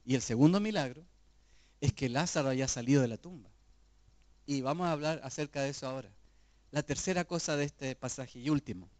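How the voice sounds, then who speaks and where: Middle-aged man, pastor, high voice, earnest conversational sermon. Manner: earnest, conversational preaching with rhetorical questions.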